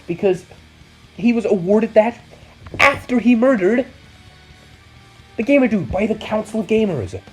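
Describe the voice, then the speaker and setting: A man on a comedic storytelling vlog, swinging between excited yelps and mock-solemn mutters as he recounts an absurd saga. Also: sits high, measured pace, pauses often, husky, faint music behind, poor audio. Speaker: YouTuber.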